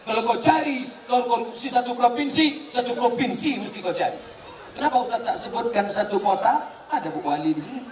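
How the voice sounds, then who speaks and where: A man with a high voice delivers a humorous sermon to a live audience, teasing them and swinging from soft asides to shouted points. He is recorded from a distance in a large, echoey hall. Loud crowd noise fills the background. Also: fairly quick. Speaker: preacher.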